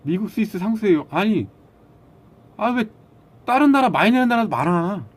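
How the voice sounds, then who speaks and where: Guy on a live stream lecturing chat, blunt and argues back, slightly high voice. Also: expressive, normal speed.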